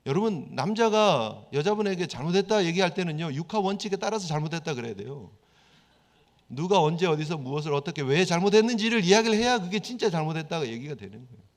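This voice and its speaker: Male pastor, higher voice, chatty sermon style, long church reverb. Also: animated, fast talker. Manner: conversational preaching with everyday examples and rhetorical questions. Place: church sanctuary.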